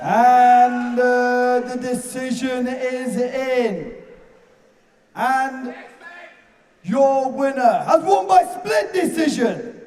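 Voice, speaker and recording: A man working as a boxing ring announcer, delivering a dramatic, drawn-out, booming announcement to a live venue. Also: lively intonation, a little mellow. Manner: drawn-out, booming build-up to the result. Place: fight venue, announced over loudspeakers. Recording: echoey venue PA, distant, crowd and music.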